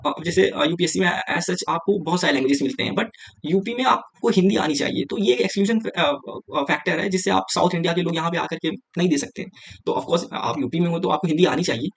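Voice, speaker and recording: A young male teacher giving exam-prep advice at a brisk clip. His voice sits fairly high and has a gravelly edge. He talks casually and directly to his viewers and mixes Hindi with English. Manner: talks straight to viewers, often saying "yaar".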